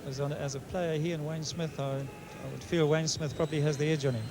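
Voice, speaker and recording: Male co-commentator, fairly high voice, quiet and measured, distant with heavy background noise. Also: level tone. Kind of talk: sports analysis. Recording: distant, noisy 1980s broadcast.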